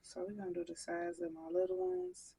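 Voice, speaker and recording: A woman's voice: lowish voice, very animated, brisk, vocal fry, warm tone, breathy edge, rough recording. A woman soap maker chatting casually to her viewers while she works on a craft vlog. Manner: chatty, talks straight to viewers.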